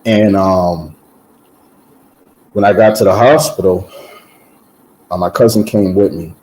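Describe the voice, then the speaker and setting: Low, mellow-voiced man telling his story. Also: takes it slowly, poor audio. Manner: animated, repeats words and restarts with many "um"s. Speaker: guest giving a testimony. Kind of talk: casual personal storytelling.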